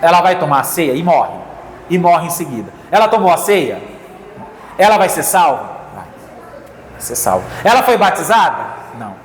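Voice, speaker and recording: A man's voice: on the high side, big pitch swings, moderate pace, a little hiss or hum. A man with a Brazilian accent preaching a sermon in an earnest way, often repeating key phrases and calling out to the congregation. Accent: Brazilian Portuguese. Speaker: pastor. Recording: echoey hall with faint ambience.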